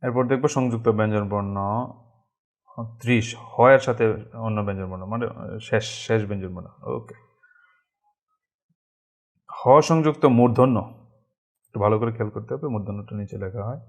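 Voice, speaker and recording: A man with a fairly low voice teaches a language lesson. He goes through the words slowly and patiently and repeats each one several times to model the pronunciation. His asides are relaxed and have casual fillers. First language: Bengali. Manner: slow and repetitive, repeating each word for pronunciation. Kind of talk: spoken language tutorial.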